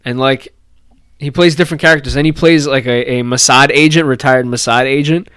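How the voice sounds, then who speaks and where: A man of middle pitch tells a story in loose, animated podcast talk, full of fillers and the odd swear. His voice is smooth and resonant. The room is dry, with no echo. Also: a little fast. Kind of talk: casual chat.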